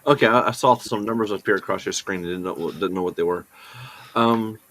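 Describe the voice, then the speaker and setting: A man's voice: fairly low pitch, a little fast, fairly bright tone, a little hiss or hum. A man playing a tabletop role-playing game, moving between narration and theatrical in-character speech.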